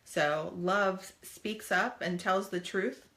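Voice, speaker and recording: A woman's voice: medium pitch, takes it slowly, a bit bright. A woman co-hosting a family talk show, chatting earnestly and putting on playful voices for quotes. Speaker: co-host. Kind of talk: casual chat.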